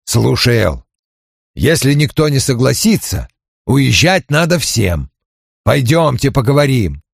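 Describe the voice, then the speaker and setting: A man reading an audiobook, voicing a calm, persuasive old farmer father with a gravelly voice. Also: mid-range voice, measured pace, dry recording, studio quality, heavily acted.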